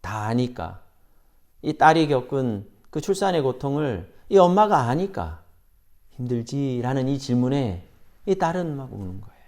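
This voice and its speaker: A man preaching a church sermon, pausing for effect and acting out quoted questions. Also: medium pitch, big pitch swings, a little mellow. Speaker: pastor. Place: church sanctuary.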